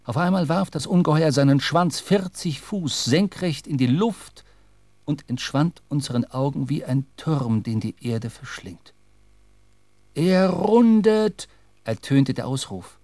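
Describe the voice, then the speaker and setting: A man narrates a radio drama in a measured, literary storytelling manner. His voice sits at an ordinary middle pitch and sounds close and dry, with no room around it. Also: darkish tone, no room sound.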